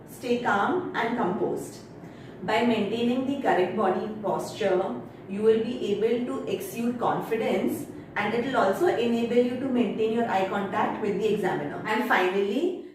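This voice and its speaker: A woman's voice: a little high, far from the mic, a little hiss or hum. Formal woman tutor in an echoey room. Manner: formal, measured, instructive delivery. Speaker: English test tutor. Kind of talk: instructional video lesson. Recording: very echoey room, voice set back from the mic.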